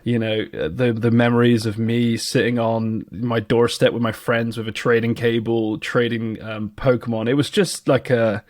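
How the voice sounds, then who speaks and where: A man's voice: medium pitch, level tone, normal speed, few pauses, no echo, clean studio sound. A British man co-hosting a podcast, chatting casually and enthusiastically about nostalgic memories. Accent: British English. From Britain. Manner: enthusiastic, nostalgic, restarts often. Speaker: podcast co-host.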